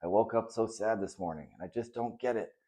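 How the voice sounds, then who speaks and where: Hesitant little boy, sad but honest, man reading him in a low mellow voice, storybook. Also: fairly quick, close to an everyday voice. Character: sad, honest ten-year-old boy.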